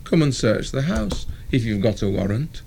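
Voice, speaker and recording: A man voicing a cocky working-class teenage lad, quick and mocking with feigned innocence. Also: mid-range voice, very animated, vocal fry, a little mellow, a little hiss or hum. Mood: cheeky.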